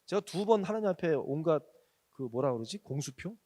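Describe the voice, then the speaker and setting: Male pastor, lively storyteller, a bit high-pitched, preaching to young adults. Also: brisk. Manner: storytelling testimony with acted quotes. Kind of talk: sermon to a young adults group.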